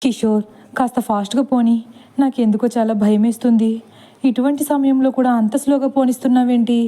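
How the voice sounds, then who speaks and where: Emotional young wife who scolds easily, read by a woman, mellow dark timbre. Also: a little high, steady tone, brisk, close to an everyday voice. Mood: anxious. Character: worried, hot-tempered young wife.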